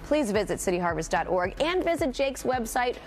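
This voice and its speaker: A middle-aged woman hosting a lifestyle segment in a TV studio kitchen, upbeat and chatty with quick affirmations. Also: a little high, very animated, soft background music. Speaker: TV host.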